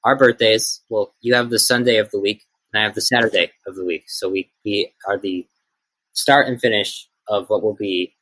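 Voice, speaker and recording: Deadpan teenage guy, dry and correcting. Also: on the low side, moderate pace, husky, no room sound, low-quality recording. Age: late teens. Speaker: podcast co-host. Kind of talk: casual chat.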